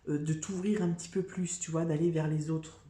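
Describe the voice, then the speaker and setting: A woman's voice: deep voice, fairly even intonation, a little fast, mellow, roomy sound. A woman giving a casual, chatty tarot reading, full of fillers, restarts and "tu vois". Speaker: tarot reader.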